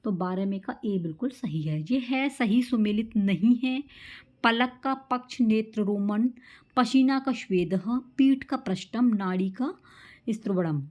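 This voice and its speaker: A woman's voice: a little high, unhurried, a little mellow. A woman teacher, running an exam-prep lesson and quizzing students, drilling answers with catchphrases.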